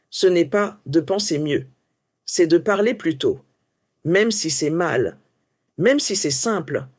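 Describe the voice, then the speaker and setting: Coaching French teacher, lively rising and falling delivery, dry close sound, scripted lesson. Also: medium pitch, no echo. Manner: coaching, full of rhetorical questions.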